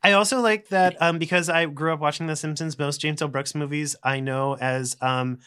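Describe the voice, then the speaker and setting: A man's voice: a little high, steady tone, moderate pace, pushed and bright, smooth. A man chatting casually on a podcast about films, rambling with hesitant restarts and wry jokes. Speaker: podcast host. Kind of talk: casual film discussion chat.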